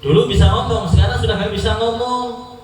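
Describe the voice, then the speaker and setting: Guy preaching, high voice, acts out the stories, super echoey hall, far from the mic. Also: a little fast, slight background noise. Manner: animated storytelling, acts out dialogue with big pitch swings. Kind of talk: sermon.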